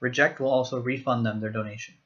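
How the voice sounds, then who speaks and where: Man explaining software step by step. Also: medium pitch, steady tone, fast, highs cut off. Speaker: software demo presenter. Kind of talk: screen-recorded software walkthrough.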